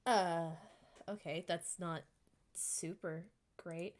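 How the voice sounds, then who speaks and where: A woman playing a tabletop game on a live stream, excitable, laughing and swearing at her dice rolls. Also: on the low side, takes it slowly. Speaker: player.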